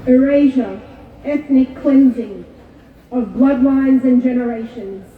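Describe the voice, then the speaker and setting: A woman born in Kuwait giving a measured, solemn prepared speech to an outdoor rally. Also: high voice. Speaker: rally speaker. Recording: echoey far-off PA with tinny sound.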